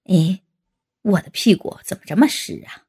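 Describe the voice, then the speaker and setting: Woman putting on a brash young man, gravelly and husky, teasing, loud fast bursts, storybook reading. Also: medium pitch, pitched below the performer's own voice. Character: brash joking young man, crude teaser. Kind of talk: storybook character voice.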